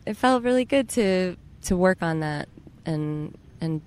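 A woman guest in a casual interview outdoors in a park, talking in a reflective, halting and agreeable way. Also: fairly low pitch, expressive, darkish tone, clean tone. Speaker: podcast guest, yoga teacher.

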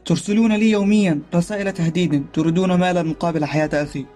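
Brief: male reader doing a scared young woman, quick and pleading, slightly raised pitch. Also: steady tone, darkish tone, soft background music. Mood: frightened pleading. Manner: urgent, pleading. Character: frightened young woman, tense and tearful.

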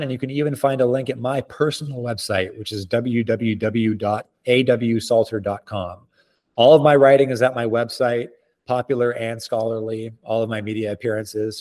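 Guy being interviewed as an economist, mid-pitched voice, careful formal wording, explains stuff clearly. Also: a little mellow. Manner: articulate, measured, formal phrasing.

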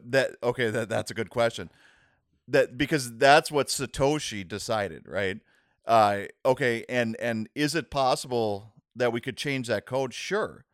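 Male interview guest, smooth voice, mid pitch, explains in stop-start bursts with frequent "right?" tags. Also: dry recording, studio quality. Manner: halting, many restarts and "right?" checks. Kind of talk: casual explanatory interview talk.

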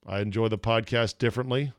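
Reading listener emails in a loose, laid-back solo podcast, this man in his fifties speaks fast in a fairly low, fairly even voice. He's a podcast and sports radio host, and the recording is dry with clean studio sound.

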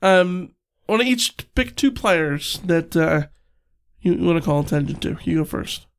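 A man hosting a sports podcast in casual, halting chat, his voice congested and stuffy from being sick. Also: on the high side, expressive.

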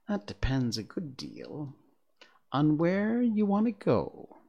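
A sly, grinning storybook cat, put on by a male reader teases in slow, drawn-out phrases. His pitch swoops up high and rolls around a lot. He sounds amused and riddling the whole time. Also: wildly swooping pitch, creaky, slightly rough, highs cut off, heavily acted. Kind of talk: storybook reading.

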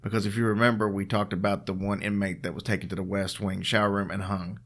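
A man's voice: on the low side, flat delivery, quick pace, a bit bright. A man co-hosting a show, telling stories in a casual, chatty way with a dry, teasing manner. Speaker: podcast co-host telling ghost stories. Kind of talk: casual storytelling chat.

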